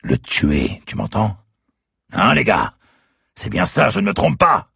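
A man voicing a young masked killer who talks in a slow, taunting, mocking way. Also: very deep voice, animated, vocal fry, slight background noise, heavily acted. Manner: sneering, taunting, slow and deliberate.

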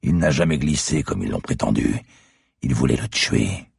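A cold young masked killer taunts his captive in a very deep, gravelly, husky voice, as a male audiobook reader puts him on. He speaks slowly and deliberately, sneering at every word, and the recording is close and dry. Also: expressive, no room sound, full character voice. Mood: taunting.

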